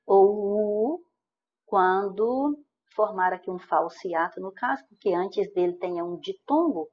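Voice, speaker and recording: A Brazilian woman teaches grammar at a medium pitch, walking through each exam question patiently. She draws out key terms slowly for emphasis and keeps asking whether her listeners follow. The recording sounds a little muffled. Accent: Brazilian Portuguese. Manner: explanatory, stretches key words slowly, checks in with "né?" and "certo?". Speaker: Portuguese teacher.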